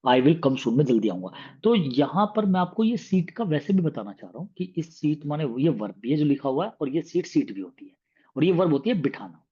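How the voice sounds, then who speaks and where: A man teaching English grammar for exam prep, explaining points in Hindi and reading example sentences slowly with extra stress. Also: fairly high pitch, big pitch swings, mellow, husky. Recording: dull, muffled lo-fi sound.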